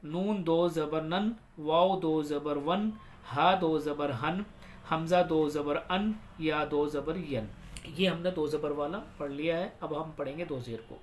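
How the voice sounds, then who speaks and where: A man teaching Quran reading, slowly drilling letter sounds one by one in a recitation lesson. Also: on the high side, slight background noise. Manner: slow drawn-out letter-by-letter drilling.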